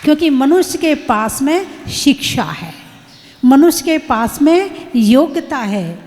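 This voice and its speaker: Slow, high-voiced woman preaching. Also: very animated, darkish tone, big-room sound, a faint crowd. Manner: emphatic, rhetorical questions to the audience. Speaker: Jain nun giving a sermon. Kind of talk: sermon.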